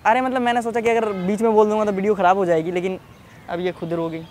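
A man's voice: sits high, little pitch movement, fast, darkish tone. Guy messing around on a prank vid outside, teasing and boasting, repeats stuff a lot, bit of street noise. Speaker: prank video host. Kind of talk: casual outdoor prank banter. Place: outdoors in a public place.

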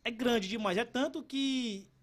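A man's voice: extremely high pitch, measured pace. A man in his thirties, a cordel poet and podcast guest, talking casually in an interview with many restarts. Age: 30s. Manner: animated, stumbling restarts.

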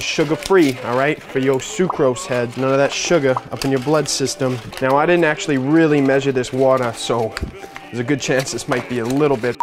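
A man giving playful, casual cooking commentary as the cook and server, slangy and hammy. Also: medium pitch. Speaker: joking cook and server in a challenge video. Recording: loud background music. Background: music.

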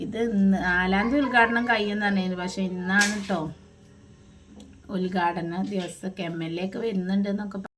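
A woman's voice: medium pitch, steady tone, moderate pace. A mother vlogging about her family in a Malabar Malayalam accent, giving a chatty voice-over narration recorded in a separate room at home. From Malappuram, Kerala. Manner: chatty, warm tag words at line ends. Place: indoor room, recorded apart from the filmed scenes. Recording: noisy home recording, kids in background.

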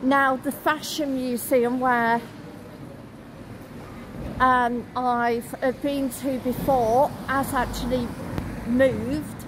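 This travel vlogger, a woman in her thirties, walks through the city pointing out shops and sights, speaking into an arm's-length phone camera with frequent ums and uhs. Her voice is high and her tone level. Traffic and general street noise sit behind her walk-and-talk narration.

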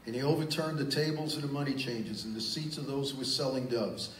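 A man's voice: medium pitch, fairly even intonation, quick pace, slight background noise. A man preaching a sermon as pastor, reading scripture aloud and then explaining it in plain, emphatic asides. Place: church sanctuary. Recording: roomy church sound, distant mic, faint ambience.

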